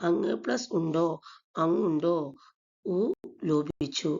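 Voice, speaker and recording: A woman teaching an exam-prep grammar lesson, slow and deliberate, repeating each example. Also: fairly low pitch, creaky, darkish tone. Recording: dull lo-fi recording.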